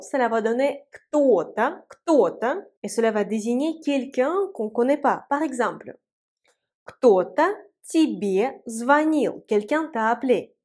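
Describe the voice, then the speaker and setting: A woman teaching a language lesson, speaking slowly and carefully and repeating example words. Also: fairly high pitch, darkish tone. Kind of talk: Russian lesson for French speakers.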